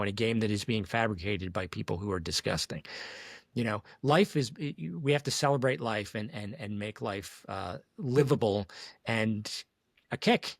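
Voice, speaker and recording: A man's voice: medium pitch, no echo. Emphatic male discussion host, dry sound. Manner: emphatic, searching, checks in with tag questions. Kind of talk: casual opinionated discussion.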